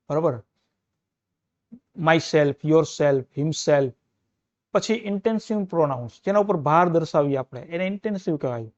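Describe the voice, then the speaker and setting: A man's voice: on the high side, darkish tone. A male teacher giving an exam-prep grammar lecture, explaining each point in repeated steps and often checking that the listener follows. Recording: dull, muffled recording.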